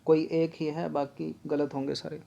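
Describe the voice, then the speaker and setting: A man teaching an exam-prep grammar lesson, repeating words slowly and explaining each answer step by step. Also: a little high, level tone, creaky, mellow, highs cut off. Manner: explains step by step, often says 'theek hai'.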